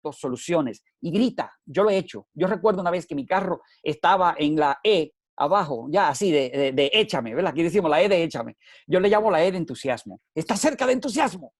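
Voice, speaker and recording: A man's voice: on the high side, no room sound. Fervent motivational man, dry close sound. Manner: earnest, coaching, bursts into shouts. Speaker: guest speaker. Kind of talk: motivational talk on radio.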